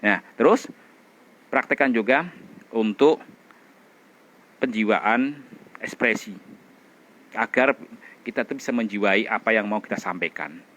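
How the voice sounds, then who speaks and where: A middle-aged man teaching a public speaking class, demonstrating expressions and vocal drills with loud chants and quiet whispers. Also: on the low side, measured pace, pauses often. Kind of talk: energetic training class.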